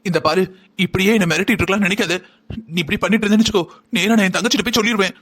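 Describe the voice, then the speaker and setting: A voice actor playing an agitated elder sister in a cartoon, scolding and confronting. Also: female voice, medium pitch, rapid-fire, fairly bright tone, slightly rough. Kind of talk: cartoon voice acting.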